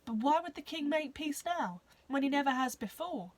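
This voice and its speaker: A woman's voice: high-pitched, expressive, normal speed, voice pushed up. Frolix, a woman doing a huge horned alien. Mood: troubled. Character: huge horned male alien, gruff yet gentle.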